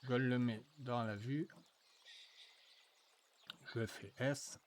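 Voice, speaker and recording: A man walking viewers through a software tutorial, thinking aloud with frequent fillers and restarts. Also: medium pitch, fairly even intonation, slight background noise. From France. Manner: slow, hesitant, thinking aloud with many fillers. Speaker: tutorial presenter. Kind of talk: screen-recorded software tutorial.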